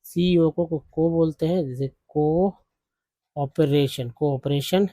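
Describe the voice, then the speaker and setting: A man's voice: fairly high pitch, steady tone, measured pace, mellow, no echo. A man teaching English spelling and pronunciation in a patient lesson, repeating each sound several times.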